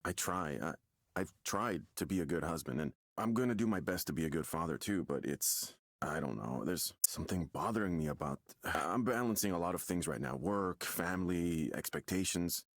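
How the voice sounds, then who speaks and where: Over background music, an actor plays an expectant father in a visual novel who is nervous and defensive, stammering as he speaks in an uneasy, hesitant mood. The voice sits low with lively intonation at a moderate pace, recorded at studio quality with no echo.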